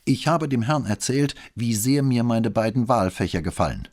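A man's voice: mid-range voice, expressive, moderate pace, darkish tone, voice pushed up, close to an everyday voice. A man reading an audiobook, voicing a polite, guarded teenage boy cadet.

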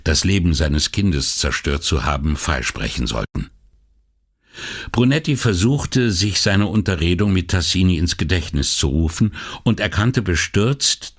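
Man with a very low voice reading an audiobook, steady and measured. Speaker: audiobook narrator. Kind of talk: scripted narration.

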